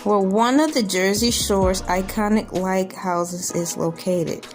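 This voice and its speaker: A woman's voice: mid-range voice, takes it slowly, a little mellow. A woman hosting a casual, comedic commentary on a news article, with incredulous, joking and rambling asides. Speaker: video host. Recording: music bed under the voice. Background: background music.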